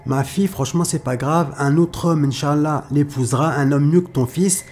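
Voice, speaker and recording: A man's voice: fairly high pitch, normal speed, darkish tone, slight background noise, close to an everyday voice. A man voicing a middle-aged mother who defends and comforts her daughter, reassuring and defiant. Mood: indignant.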